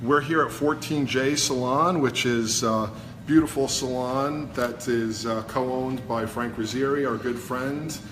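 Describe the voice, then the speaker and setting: A man with a Brooklyn accent giving a casual live hairdressing demonstration, explaining informally step by step as he works. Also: mid-range voice. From New York, USA. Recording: noisy busy salon background.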